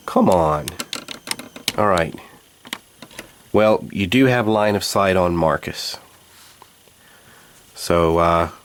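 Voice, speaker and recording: A man hosting a tabletop board game playthrough, explaining the rules and thinking aloud about each move in a measured way. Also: low-pitched. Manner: measured, thinks aloud while checking moves.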